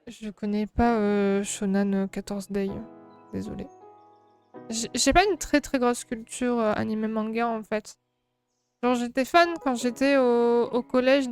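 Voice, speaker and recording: A high-pitched woman in her twenties, talking to her stream while she crafts at home. She rambles in a relaxed, chatty way, laughs often and answers chat aloud. Soft music plays faintly behind her. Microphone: streaming microphone.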